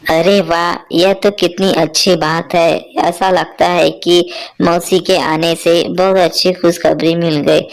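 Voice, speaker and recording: A woman voicing a dutiful, excitable young daughter-in-law in a cartoon story, chatty and exclaiming. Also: fairly low pitch, slow pace.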